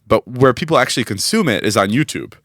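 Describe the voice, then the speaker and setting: Podcaster in his 20s, male, very lively swooping delivery, swears a lot, goes high for quoted lines. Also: fast. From United States. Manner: animated storyteller, swears often, voice leaps up when acting out quotes. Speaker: podcast co-host. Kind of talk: casual podcast chat.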